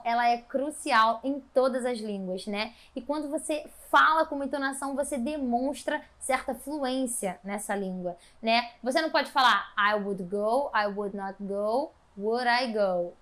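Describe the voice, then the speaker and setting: A Brazilian woman teaching an English lesson, explaining patiently and modeling English phrases slowly with exaggerated intonation. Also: sits high, fairly bright tone.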